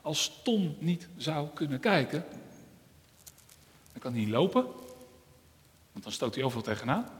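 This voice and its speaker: A man voicing a proud, boastful talking eye in a children's story, speaking loudly and mockingly in a church with long reverb. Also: fairly high pitch, very animated, measured pace, pauses often. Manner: loud, bragging, mocking.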